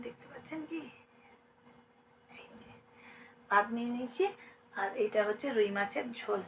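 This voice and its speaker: Indoors at home, a young woman from India narrates her day for viewers she treats as friends, her Bengali accent clear. Her voice is medium in pitch with vocal fry, and she lowers it at moments so as not to disturb her sleeping daughter. The audio carries a faint hiss or hum.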